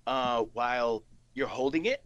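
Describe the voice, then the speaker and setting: A man improvising narration as game master of a tabletop game, halting and thinking aloud as he goes. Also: medium pitch, fairly bright tone, dull audio. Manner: hesitant, halting, piecing rules together aloud.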